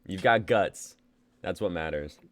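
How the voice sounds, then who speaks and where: A man in his twenties hosts a live reading of his own script, reading out the stage directions. His voice is low-pitched and measured, with no echo. He's laid-back, laughs easily and says "y'all."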